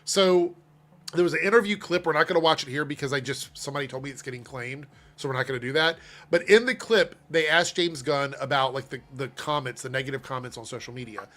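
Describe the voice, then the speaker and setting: A man's voice: mid-range voice, fast talker. A man hosting a casual livestream chat, reading viewer messages and laughing often. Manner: chatty and animated, laughs often. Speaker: livestream host.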